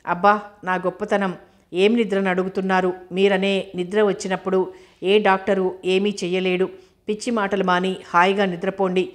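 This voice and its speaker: A woman voicing a calm, joking young male doctor who reassures with light banter. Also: medium pitch, moderate pace, lightly acted. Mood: reassuring.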